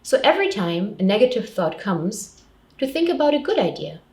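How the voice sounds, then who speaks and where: With big pitch swings and a slightly mellow, mid-range voice, a woman speaks at normal speed in a scripted public information talk. As a support counsellor, she offers simple, clearly structured, step-by-step advice in short sentences. The sound is distant and roomy with echo.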